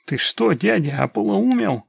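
A man voicing a stern male army scout commander who barks orders, with a gravelly, husky voice. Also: sits high, animated, a little slow, no echo, voice pushed up, heavily acted. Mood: commanding. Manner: barking commands.

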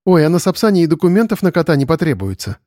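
A man's voice: on the high side, lively intonation, moderate pace, warm tone, no room sound, studio quality. A man reading a hurt but resolute young woman. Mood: earnest.

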